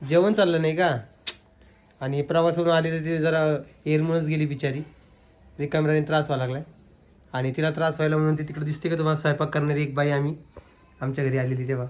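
A man, filming a casual family vlog and excitedly coaxing a child and a pet. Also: on the high side, fast talker, a little hiss or hum. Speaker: family vlogger.

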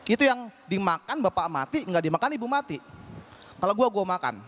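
A young man doing a stand-up comedy routine on stage, acting out chat partners in quick quoted voices. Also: high voice, sing-song, a bit bright. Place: stage before a live audience.

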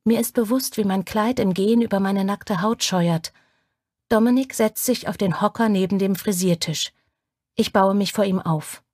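Husky woman narrating an audiobook. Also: medium pitch, a little mellow, no echo, clean studio sound. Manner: intimate, measured storytelling. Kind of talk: scripted first-person narration.

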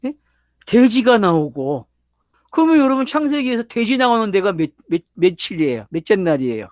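Lively older male pastor lecturing. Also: high-pitched, normal speed, no room sound, studio quality. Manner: questioning the audience, emphatic. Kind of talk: sermon lecture.

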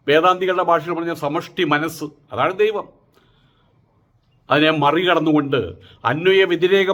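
A man's voice: sits high, fairly bright tone, muffled recording. A middle-aged man, giving a mocking political monologue and firing off rhetorical questions again and again. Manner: mocking, rhetorical, repeats his taunting questions. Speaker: political commentator.

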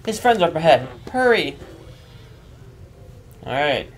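A man's voice: fairly high pitch, very animated, slow, soft background music. A man co-hosting a let's-play with casual, offhand banter and comments on the gameplay. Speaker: gaming video co-host.

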